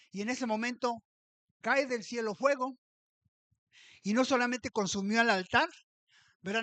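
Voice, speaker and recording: A man's voice: high voice, fairly bright tone, no room sound. Pastor acting out his story. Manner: storytelling, acting out the characters' lines, often asking "¿verdad?". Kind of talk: sermon. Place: church.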